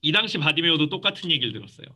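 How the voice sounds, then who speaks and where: A man preaching a youth sermon in a church, lively and acting out quoted voices. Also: on the high side, rapid-fire, husky. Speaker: youth pastor.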